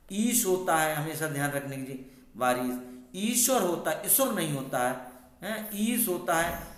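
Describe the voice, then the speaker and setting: A man's voice: fairly high pitch, a bit bright, roomy sound. A man teaching a grammar lesson to students. He repeats key points and checks in with short questioning asides.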